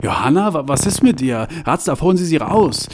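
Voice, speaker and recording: A man's voice: on the high side, big pitch swings, a little fast, background noise, voice pushed up. A man reading a squeamish young man who pleads in a tense, rising voice. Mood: panicked. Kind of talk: audiobook reading.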